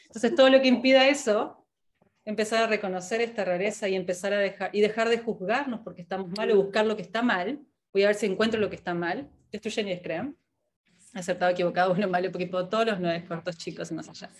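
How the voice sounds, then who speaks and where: Brief: woman, workshop facilitator, lively and questioning, quick to laugh. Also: medium pitch. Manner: animated, asks many rhetorical questions, laughs often. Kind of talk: live coaching workshop.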